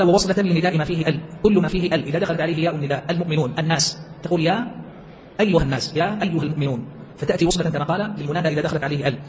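Fast-talking man explaining a text. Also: fairly high pitch, lo-fi sound, slight background noise. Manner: rapid, explanatory, quotes verses in between. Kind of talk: classroom text commentary.

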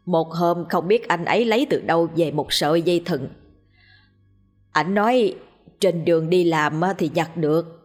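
A woman's voice: on the low side, moderate pace, soft background music, natural voice. A woman voicing a grieving village wife who pleads with the elders humbly and tearfully. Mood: recounting.

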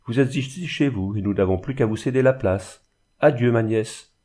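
A man's voice: mid-range voice, moderate pace, a little mellow, close to an everyday voice. A man reading aloud, voicing a cold, severe widow who speaks with raised, haughty firmness.

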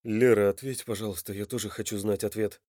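A man's voice: fairly low pitch, steady tone, a little fast, darkish tone, no echo, studio quality, lightly acted. A man voicing a tough young enforcer who talks in a firm, resolute way. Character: tough, steady young male enforcer and father.

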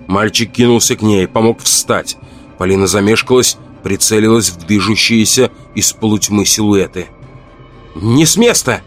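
A man narrates a horror audiobook in a low voice with measured, dramatic pacing. Faint music plays underneath his reading.

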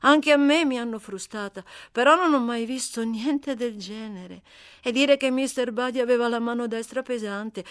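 A woman's voice: fairly high pitch, no room sound, studio quality, voice pushed up, close to an everyday voice. A woman voicing a brash, talkative young runaway girl who scolds bluntly, in an audiobook reading.

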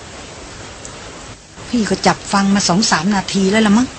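Woman voicing a young man, eldest brother, calm, hushed, measured, audiobook. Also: medium pitch, slight background noise, lightly acted.

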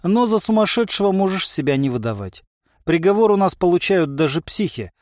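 A militia commander questions his captive with dry, cutting irony, voiced by a man reading aloud. His voice sits somewhat high and the recording is close and dry. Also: sing-song, a little fast, darkish tone, dry recording. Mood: sarcastic stern. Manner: dry, ironic, interrogating. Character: dry sarcastic militia chief, a grown man. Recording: dry close studio sound.

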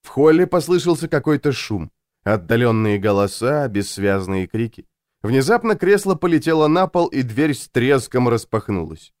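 Lively male audiobook narrator. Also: medium pitch, moderate pace, no echo, studio quality. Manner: expressive storytelling. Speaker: audiobook reader. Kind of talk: scripted narration.

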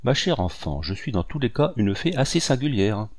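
A man's voice: medium pitch, very animated, moderate pace. A man reading a wry modest old hunter. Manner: amused, modest.

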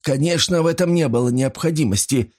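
A man voicing a nervous old male pawnbroker who pleads breathlessly, rising into shrill panic. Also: lively intonation, a little slow, darkish tone, husky. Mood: panicky.

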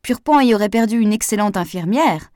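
A woman reading Laurent, a warm charming man. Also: medium pitch, brisk, no echo, clean studio sound, pitched above the performer's own voice, natural voice. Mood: courteous. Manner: courteous, flattering.

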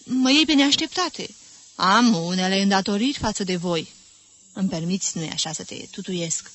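A woman's voice: mid-range voice, a bit bright, close to an everyday voice. Woman voicing an effusive old society lady. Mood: gushing. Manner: gushing, theatrical, exclamatory.

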